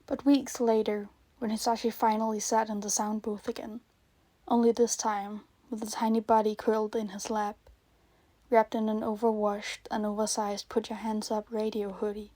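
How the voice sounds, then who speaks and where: A woman reading fan fiction aloud in a soft, earnest storytelling manner. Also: medium pitch, little pitch movement, normal speed, no room sound. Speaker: podfic reader. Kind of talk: scripted narration of fan fiction.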